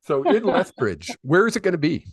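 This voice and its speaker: This psychic medium host has a high, breathy-edged voice and sounds very animated at a moderate pace, with dry, studio-quality audio. Hosting his live reading stream, he rambles chattily with many fillers, using a desk mic on a video call.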